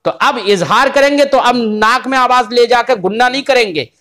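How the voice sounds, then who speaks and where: A man teaching Quran recitation rules in an online lesson, explaining patiently and drawing out the example words slowly. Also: very high voice, sharp tone.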